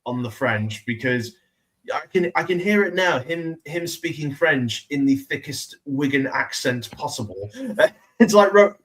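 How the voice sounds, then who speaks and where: A man in his twenties co-hosting a casual sports podcast, chatty with quick asides. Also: medium pitch, animated, fairly bright tone. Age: 20s. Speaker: podcast co-host.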